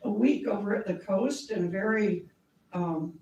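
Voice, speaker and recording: Picked up on a distant mic with lo-fi sound, a woman presents informally to a community group in an echoey meeting room. Her scratchy voice is medium-pitched and a little mellow, her pace moderate, and she keeps things friendly and chatty with small laughs and fillers.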